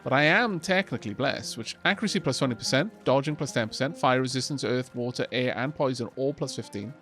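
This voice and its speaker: A man's voice: mid-range voice, animated, quick pace, fairly bright tone. Man streaming casual gameplay commentary over music. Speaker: game streamer.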